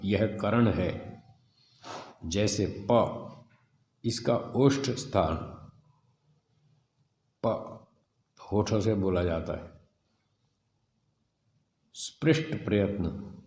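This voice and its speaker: A man teaching a scripture class, reading a passage and explaining it slowly, sounding out letters one by one. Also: on the low side, mellow, echoey room, long reverb tail. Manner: slow, deliberate, spells out sounds and letters. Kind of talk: explanatory lesson reading and commenting on a text.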